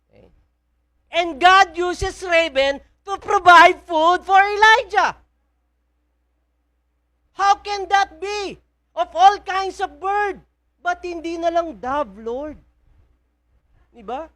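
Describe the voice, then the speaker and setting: A woman's voice: high-pitched, fairly bright tone. A woman with a Filipino accent preaching a sermon in a church, often asking the congregation questions. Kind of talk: sermon mixing Tagalog and English.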